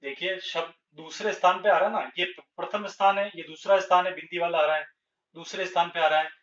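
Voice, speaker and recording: A man teaching a grammar lesson at a board, speaking slowly and deliberately and repeating each example word. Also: high voice, fairly even intonation, a bit bright. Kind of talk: blackboard Hindi grammar lesson. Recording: echoey room, distant lo-fi mic.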